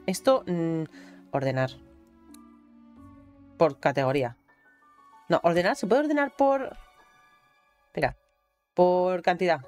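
A woman's voice: lowish voice, lively intonation, slow pace, long pauses, darkish tone. Exclamatory Spain Spanish woman gamer. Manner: chatty, exclamatory, swears casually. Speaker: gaming streamer. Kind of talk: casual gameplay commentary. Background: faint game music.

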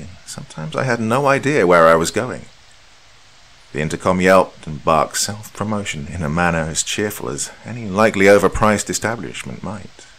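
A man reading a horror story aloud as a podcast host, dramatic and measured. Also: low voice, creaky, a bit bright, rough recording.

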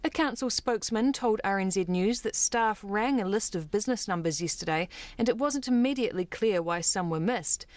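A woman with a New Zealand accent narrating a radio news report in a clear, even tone. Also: medium pitch, moderate pace, few pauses, no echo.

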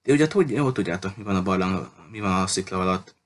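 A man's voice: deep voice, lively intonation, a little hiss or hum. A man voicing a distraught teenage boy who keeps pressing for answers in an audiobook reading. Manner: pleading, urgent questioning.

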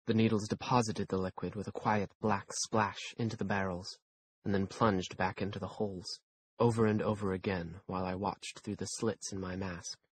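A man reading a first-person audiobook aloud in a measured, dry storytelling manner. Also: low voice, flat delivery, a little hiss or hum. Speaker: audiobook narrator.

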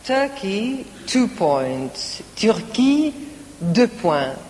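A woman presenting a live song contest, reading each score in English and then in French in a measured way. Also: medium pitch, very animated, darkish tone, a little hiss or hum. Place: large concert hall. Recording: live broadcast from a concert hall with audience.

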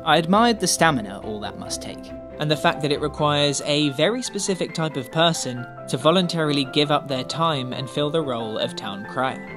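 Male reporter voice-over, fairly high pitch, scripted feature read, clear music bed. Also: expressive, normal speed, hardly any pauses. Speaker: reporter, narrator.

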